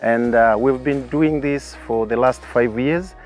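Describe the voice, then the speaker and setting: A man's voice: medium pitch, a little slow. Hesitant man from Tanzania, safari guide. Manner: hesitant, many "uh" fillers. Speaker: safari organizer. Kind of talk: interview answers. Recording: faint music behind.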